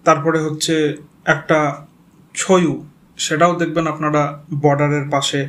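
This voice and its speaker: A man's voice: a little high, level tone, normal speed, fairly bright tone. A man with a Bengali accent giving a geography lecture for exam students, explaining step by step, spelling names out and checking in with the class. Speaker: teacher.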